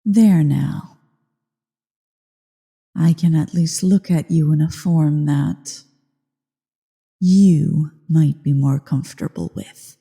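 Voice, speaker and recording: A woman voicing a haughty, menacing ancient dragon queen in a slow, theatrical ASMR roleplay, imperious and full of disdain. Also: deep voice, creaky, dark tone, full character voice. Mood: haughty, condescending. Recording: cavernous echo and long reverb.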